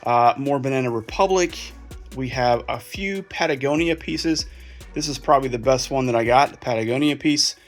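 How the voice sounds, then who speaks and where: A man's voice: mid-range voice, moderate pace, soft background music. A man casually talking through a pile of resale clothes, chatty and a little out of breath. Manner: chatty, thinking aloud while sorting clothes. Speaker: resale vlogger. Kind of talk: casual vlog commentary.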